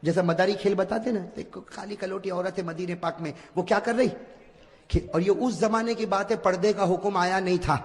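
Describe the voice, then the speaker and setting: A man preaching a sermon, telling a story with sudden drops to a hush and bursts of shouting, and he calls on the crowd to repeat after him. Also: sits high, fairly even intonation. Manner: dramatic, swings from hushed to shouting, urges the crowd to repeat. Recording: long hall reverb.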